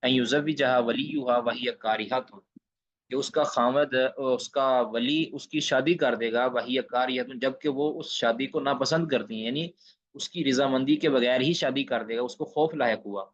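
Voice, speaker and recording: A man's voice: medium pitch, dry recording. Emphatic man lecturing over a dull online call. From Pakistan. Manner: emphatic, repeats key phrases while translating Arabic line by line. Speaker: Islamic studies lecturer. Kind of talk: online lecture explaining hadith in Urdu. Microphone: video call. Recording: dull lo-fi online class audio.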